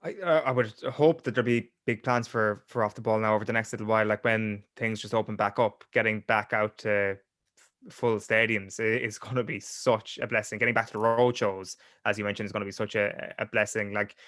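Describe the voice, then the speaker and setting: A young man chats as a guest on a podcast, loose and talkative, stumbling through restarts and fillers as he goes. His voice sits a little low, and the recording is dry and close, with no room sound. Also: fairly even intonation, a little fast, a bit bright, no echo. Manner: chatty, many restarts and fillers. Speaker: sports journalist guest. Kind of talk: casual podcast interview.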